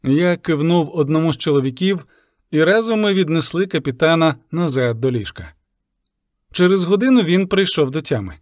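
Guy reading an audiobook, somewhat high voice, dry close sound. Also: animated, moderate pace, no room sound. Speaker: audiobook narrator. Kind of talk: first-person audiobook narration.

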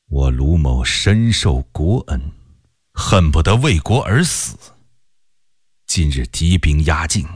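A man's voice: rumbling low, very animated, slightly rough, dry recording, studio quality, voice pushed down, heavily acted. A man voicing a grave, resolute old-time general. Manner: firm, grave and measured. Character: resolute loyal Ming general, middle-aged man.

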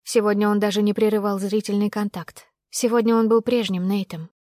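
Woman narrator for first-person fiction, mid-pitched, dry studio sound, expressive reading. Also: brisk, no echo. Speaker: audiobook narrator.

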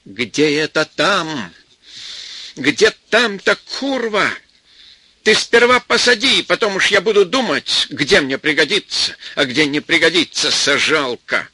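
A hot-headed young village man, twenty-eight, shouts back defiantly, as a man reading a storybook puts him on. The voice rises bright and lively with a husky grain. Dry, close sound. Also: on the high side, a little slow, dry recording, voice pushed up, full character voice. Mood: shouting.

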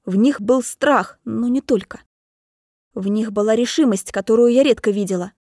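A woman's voice: a little high, moderate pace, dark tone, dry recording, clean studio sound. A woman narrating a first-person audiobook in a dramatic, emotional storytelling manner.

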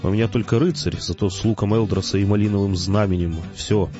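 A man narrating a story in the first person, measured and quietly wry. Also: on the low side, steady tone. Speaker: audiobook narrator. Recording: slightly dull, faint music underneath.

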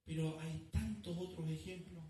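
A man's voice: a little high, steady tone, moderate pace, dark tone, a little hiss or hum. A man preaching a sermon as pastor, telling a story and calling his listeners "brother". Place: church. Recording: echoey room, distant mic.

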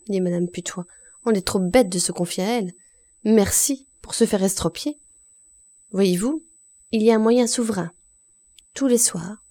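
A woman putting on a superstitious older workwoman who shares home remedies. She confides in a plain, matter-of-fact way, in a mellow voice close to the reader's own. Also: medium pitch, dry recording, natural voice.

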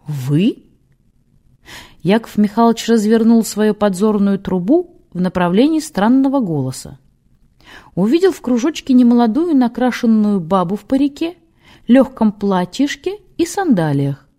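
A woman narrating an audiobook in a measured, lively storytelling manner. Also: a little high.

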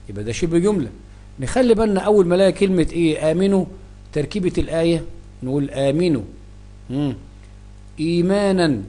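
Man, Egyptian accent, grammar teacher, slightly high voice, mellow tone, asks and answers his own questions. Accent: Egyptian Arabic. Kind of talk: grammar lesson explaining Quran verses.

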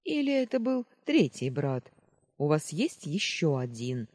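A cranky young sentry snaps orders in a husky, dark voice, as a man reads him. His lines rise and fall sharply and come slowly and loudly, like a strict soldier scolding children. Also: medium pitch, sing-song. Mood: scornful. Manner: barking military orders. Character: stern young male sentry, irritable, bossy.

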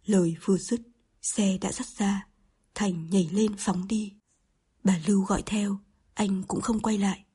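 A woman narrating a novel in a calm, soft audiobook reading. Her voice is very breathy, almost whispered, and mellow in tone. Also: medium pitch, unhurried. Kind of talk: scripted narration.

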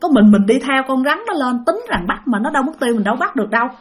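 A bewildered old farmer, as a woman storyteller puts him on mutters questions to himself in a fairly high voice. His pitch rises and falls with surprise. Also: lively intonation, rapid-fire. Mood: puzzled. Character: puzzled old farmer, a grandfather.

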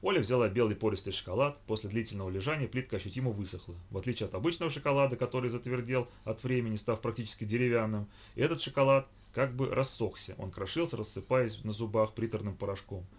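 A man narrating an audiobook in a steady, even storytelling manner. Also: medium pitch, quick pace, hardly any pauses. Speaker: audiobook reader. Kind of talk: scripted narration.

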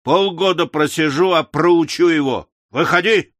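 A man doing a brawling, loud-mouthed cabman. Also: fairly high pitch, a little slow, no echo, clean studio sound. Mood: indignant. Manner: loud, belligerent, challenging. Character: brash quarrelsome male London cabman, bellicose.

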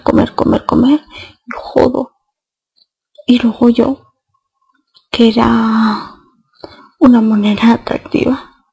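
A woman's voice: a little high, vocal fry, warm tone, slightly rough, poor audio. A woman with an accent from Spain, hosting a podcast and telling a rambling comic anecdote in crude, slangy, self-mocking words. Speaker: podcast host.

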